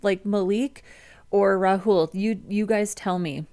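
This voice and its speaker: A web developer streamer from the United States, a woman in her thirties with a Midwestern accent, chats casually while reading viewer comments, with lots of ums and restarts. Her mid-range voice is warm and smooth, at a measured pace.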